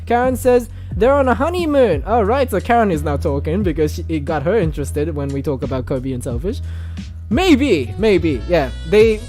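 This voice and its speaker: A man hosting a casual livestream, reading viewer comments aloud in an animated, jumpy voice with frequent laughs, on a desk mic. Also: normal speed. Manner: animated, jumpy pitch, laughs often, talks straight to chat. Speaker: livestream host. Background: background music playing.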